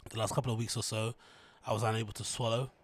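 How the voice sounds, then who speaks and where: A man's voice: on the low side, little pitch movement, fast, slightly rough. A British man chatting casually as a solo host, talking with his mouth barely open and muddy, marble-mouthed from tonsillitis. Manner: muffled, mouth barely opened, closed-mouth talking. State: recovering from tonsillitis. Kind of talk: casual rambling chat. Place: small plain room indoors. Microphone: large close studio mic with foam cover.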